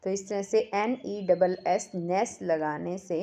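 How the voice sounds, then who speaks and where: A woman teacher, reading English workbook lines slowly and explaining them in Hindi. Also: on the low side, dark tone. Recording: dull lo-fi recording.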